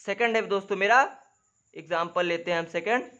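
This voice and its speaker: A man teaching English grammar in a lesson, who keeps calling the viewers "friends", asks if they follow, and spells out example sentences slowly, word by word. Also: sits high, sharp tone, muffled recording. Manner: repeats "dosto" and "theek hai" constantly, drawing on a board. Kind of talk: classroom-style grammar lesson.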